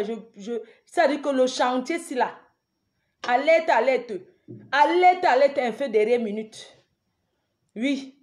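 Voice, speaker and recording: Woman chanting rallying calls on a live stream. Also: on the high side. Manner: chanting repeated rallying calls, shouting names of viewers; emphatic, scolding asides. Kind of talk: live stream address to viewers.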